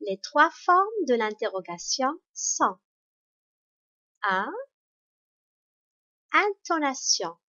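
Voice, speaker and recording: Female schoolteacher, very unhurried and high-pitched, patient encouraging classroom read. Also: very animated, sharp tone. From Morocco. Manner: slow, spelled-out, encouraging classroom delivery. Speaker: primary school teacher. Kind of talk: grammar lesson for children. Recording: dull lo-fi recording.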